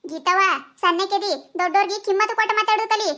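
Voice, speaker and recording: A woman's voice: very high voice, steady tone, fast. A woman with a North Karnataka Kannada accent voicing a stubborn, scolding older village woman in a cartoon. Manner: scolding, sharp-tongued. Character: stubborn older village woman guarding her turn at the tap. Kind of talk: cartoon voice acting.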